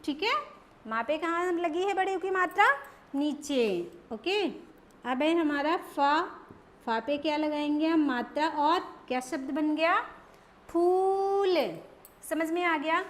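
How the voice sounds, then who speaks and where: A woman teaching young children Hindi letter sounds, stretching out each word slowly so they can repeat it. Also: high-pitched. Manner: slow, drawn-out syllables for children to repeat. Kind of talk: children's Hindi phonics lesson.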